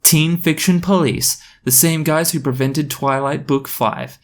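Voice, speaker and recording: A man's voice: fairly high pitch, steady tone, unhurried, pitched above the performer's own voice, natural voice. A man doing an exasperated, snappy teen girl cop. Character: exasperated sharp-tongued teen girl officer.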